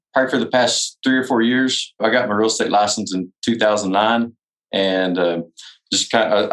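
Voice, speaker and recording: A man's voice: fairly low pitch, a bit bright, poor audio. Male interview guest, West Texas twang, casual conversational delivery, real estate broker.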